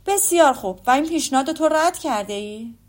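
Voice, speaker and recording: A woman voicing an older father who speaks in a calm, measured, dryly ironic way in an audiobook. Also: high-pitched, pitched above the performer's own voice. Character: Mr Bennet, wry dry older father. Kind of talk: audiobook character voice.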